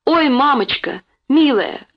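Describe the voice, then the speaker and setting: A young boy, frightened yet stubborn, performed by a woman reader with a raised, childlike pitch. He cries out breathlessly and pleads. The recording sounds dull and lo-fi. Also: slow, close to an everyday voice. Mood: distressed.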